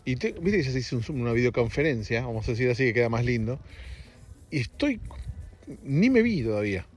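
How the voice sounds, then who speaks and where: A man's voice: mid-range voice, big pitch swings, brisk, soft background music. A man with a Rioplatense Spanish accent and a sleepy-sounding voice, hosting a casual solo podcast in a rambling, jokey, self-mocking way. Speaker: podcast host.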